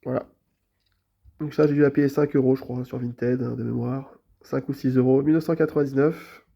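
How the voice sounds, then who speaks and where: A man with a medium-pitched, creaky, dark voice speaks in a steady tone at a moderate pace while showing his toy car collection in a show-and-tell vlog. He has a cold and a blocked nose, and he chats easily but hesitantly, repeating fillers often.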